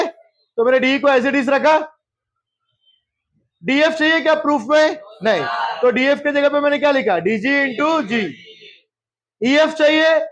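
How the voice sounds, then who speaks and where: A man teaching a geometry class, his voice sitting very high. He talks slowly and deliberately, stopping again and again to ask whether anyone has doubts. He slips English terms into his lesson. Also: dull audio. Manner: repeats questions, checks for doubts; mixes English terms into Hindi. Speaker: math teacher. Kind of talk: classroom lecture.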